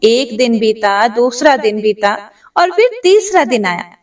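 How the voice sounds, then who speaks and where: A woman narrating a devotional story in a gentle way, addressing devotees directly. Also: fairly high pitch, lively intonation, measured pace. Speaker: religious storyteller. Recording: voice distant from the mic.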